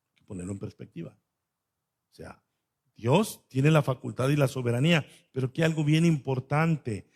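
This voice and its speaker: A man preaching a sermon, swinging between loud stresses and soft asides. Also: medium pitch, creaky, breathy edge. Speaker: pastor.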